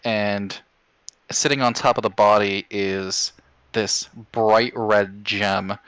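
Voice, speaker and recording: A man's voice: fairly low pitch, fairly even intonation, slow pace, fairly bright tone, clear, resonant tone, no echo. A man narrating a tabletop game as game master, in an informal, sweary way.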